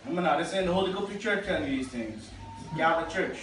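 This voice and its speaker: High-voiced Bahamian preacher in an echoey church. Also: male voice, lively intonation, quick pace, recorded from a distance, background noise. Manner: preaching, reading quotations aloud, asking the congregation. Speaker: pastor. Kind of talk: sermon. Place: church hall.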